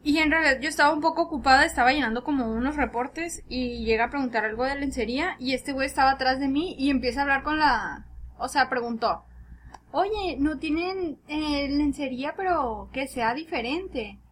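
Mexican woman, high voice, laughing podcast co-host, crude animated storyteller. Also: fast talker, a little hiss or hum. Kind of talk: casual storytelling.

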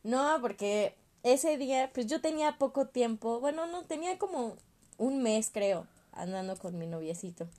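A young woman with a Mexican accent, telling a story in casual chat, animated and slangy, acting out what people said. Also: a little high, normal speed. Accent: Mexican Spanish. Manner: animated, acts out quoted voices, slangy.

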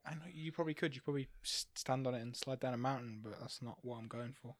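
Sex: man. Role: comedy podcast co-host. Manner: playful, stumbling restarts. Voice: mid pitch. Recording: dry. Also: fast talker, no room sound.

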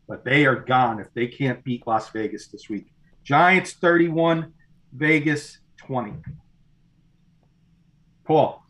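A man's voice: mid-range voice, fairly bright tone, rough recording. A man in his forties co-hosting a casual sports talk show, steering the segments and asking others for picks. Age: 40s. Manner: runs the segments, asks for predictions. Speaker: podcast co-host.

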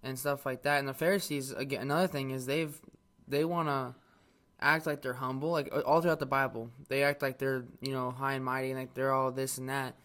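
Co-host, male, medium pitch, thoughtful, filler-heavy. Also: flat delivery, a little fast, fairly bright tone. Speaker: co-host of a Bible talk. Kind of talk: casual faith discussion.

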